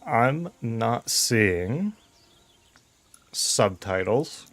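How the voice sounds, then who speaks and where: A man's voice: medium pitch, sing-song, extremely slow, a bit bright. A man giving casual game commentary, easygoing and thinking aloud as he plays. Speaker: game streamer.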